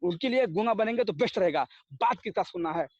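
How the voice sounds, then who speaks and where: A man's voice: high-pitched, animated, fast, a little mellow, no echo, dull audio. A man giving a motivational talk at a network marketing meeting, telling stories and firing rhetorical questions at the audience. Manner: storytelling, rhetorical questions, acts out dialogues.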